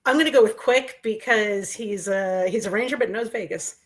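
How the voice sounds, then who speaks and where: Female co-host, mid-pitched voice, casual rapid-fire question-and-answer banter for sports fans. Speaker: co-host of a sports fan show.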